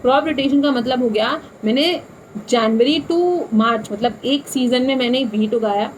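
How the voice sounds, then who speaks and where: A young woman teacher walks through a revision lesson in a talky, repeating style, blending Hindi and English terms. Her voice sits a little high. A faint noise runs under the recording. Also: moderate pace, poor audio.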